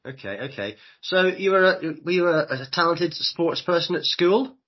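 Guy hosting an interview podcast, bit raspy, slightly muffled sound. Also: high voice, expressive, normal speed.

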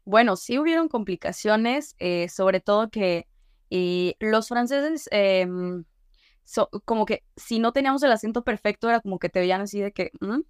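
Smooth-voiced woman chatting. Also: mid-range voice, normal speed, dry recording, studio quality. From Mexico. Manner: relaxed, with many fillers like "eh" and "como que". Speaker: guest. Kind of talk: casual interview conversation.

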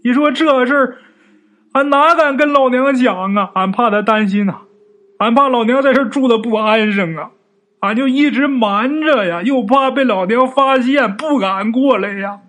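A man's voice: extremely high pitch, little pitch movement, voice pushed up. A man voicing a grieving younger son who wails and pleads through tears. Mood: wailing grief. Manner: wailing, drawn-out tearful pleading. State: crying.

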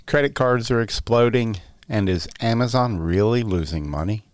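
Low-voiced man, welcoming podcast host. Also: normal speed, no room sound. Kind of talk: scripted podcast news narration.

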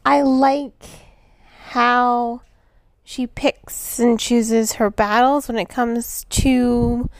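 A woman's voice: a little high, fairly even intonation, drawn-out words, gravelly, no room sound. A woman in her thirties, hosting her own show and reviewing a book in a chatty, enthusiastic way, with lots of fillers and restarts. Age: 30s. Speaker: book reviewer, podcast host.

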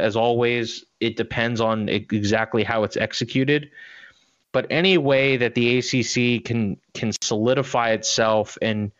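Here a sports podcast co-host in his thirties talks casually, offering blunt opinions and frequently starting over mid-thought. The voice is medium in pitch, smooth and slightly bright, captured with no room sound and the high frequencies cut off.

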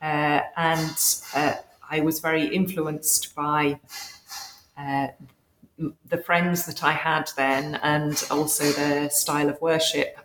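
Low-voiced woman, hesitant. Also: flat delivery, slow pace, a bit bright, reverberant, slight background noise, rough recording. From Yorkshire, northern England. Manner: hesitant, many fillers and restarts. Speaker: guest author, scholar. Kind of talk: podcast interview.

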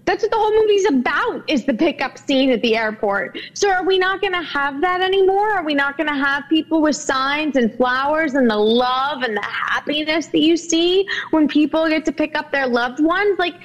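A woman's voice: high voice, normal speed, few pauses, muffled recording. A woman appearing as the host's sister who argues her side in a teasing, spirited way. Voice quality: teasing and argumentative. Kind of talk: TV talk show banter.

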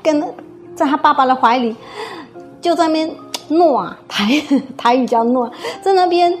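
A woman with a Taiwanese Mandarin accent, a music teacher, telling an eerie story in a lively, suspenseful way with many fillers. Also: high-pitched, normal speed. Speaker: guzheng teacher recounting a story. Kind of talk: casual storytelling.

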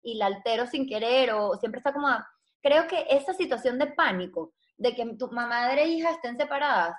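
A woman, chatting casually with friends and telling animated stories. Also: fairly high pitch, fairly quick. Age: 20s. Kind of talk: casual chat among friends.

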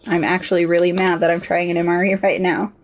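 A woman's voice: fairly low pitch, level tone, fast talker, a little hiss or hum. A woman co-hosting a podcast, chatting casually while taste-testing food, with blunt, grumbly reactions as she chews. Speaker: podcast co-host. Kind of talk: casual chat, food tasting.

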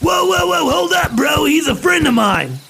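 A man doing an excitable young buddy in a game, with a very high, bright voice that bounces around and carries some gravel. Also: normal speed, slight background noise, exaggerated voice. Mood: upbeat. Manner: excitable, laid-back slang. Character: upbeat young male buddy.

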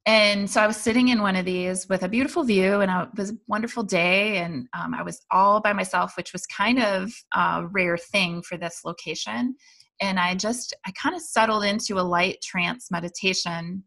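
A woman telling a personal spiritual story in a casual, animated way, rambling and full of "like" and "um". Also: medium pitch, normal speed, creaky.

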